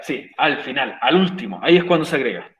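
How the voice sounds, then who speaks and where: A man's voice: mid-range voice, expressive, brisk, fairly bright tone, roomy sound, highs cut off. A man with a Chilean Spanish accent teaching an English lesson in a virtual class. He is emphatic, repeats his points and keeps asking "ok?". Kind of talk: online class explanation.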